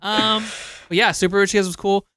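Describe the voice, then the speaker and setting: A man in his thirties, co-hosting a podcast in casual chat, telling stories quickly and animatedly. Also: high voice, little pitch movement, pushed and bright. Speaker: podcast co-host.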